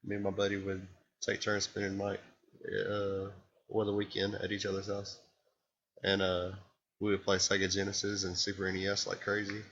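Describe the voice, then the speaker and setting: A laid-back man with a fairly low voice talks casually on a gaming podcast. His mic sounds dull and lo-fi. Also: monotone, moderate pace, a bit bright. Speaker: podcast co-host.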